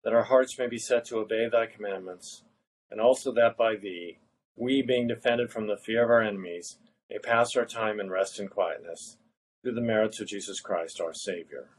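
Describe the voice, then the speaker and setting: A man officiating at evening prayer, reciting liturgical prayers in a solemn, measured way. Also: on the low side, slight background noise, poor audio.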